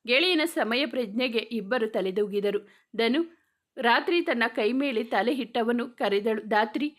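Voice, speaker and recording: Woman narrating a romance story, slightly high. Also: measured pace.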